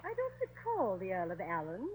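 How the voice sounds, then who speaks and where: A woman's voice: medium pitch, wildly swooping pitch, moderate pace, a little mellow, slightly rough. A dry-witted English lady. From England. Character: sharp-witted English lady guest, unimpressed. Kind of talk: 1940s radio comedy acting. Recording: noisy old radio broadcast.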